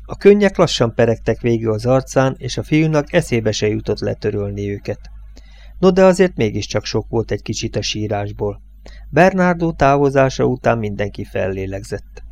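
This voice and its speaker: A man narrating an audiobook in a measured, dramatic reading. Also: medium pitch, expressive, vocal fry, a little mellow. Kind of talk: scripted narration.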